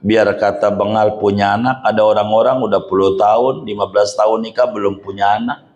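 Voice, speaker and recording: A man's voice: lowish voice, fairly even intonation, brisk, darkish tone. A man giving a joking, colloquial Islamic study sermon to a gathering. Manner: joking, colloquial Jakarta slang. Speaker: religious teacher.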